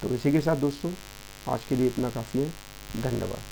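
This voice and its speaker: A man's voice: medium pitch, brisk, creaky, mellow, a little hiss or hum, low-quality recording. A young man teaching an exam-prep grammar lesson, explaining patiently and checking in with his listeners often. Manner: explaining patiently, repeats "ठीक है" and "दोस्तों" often.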